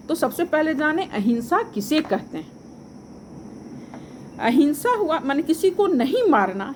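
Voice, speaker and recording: Lady teacher, high voice that goes up and down a lot, repeats stuff, asks the class questions, bit of hiss behind. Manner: slow, repeats points and quizzes pupils. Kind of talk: online class lecture. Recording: faint background noise.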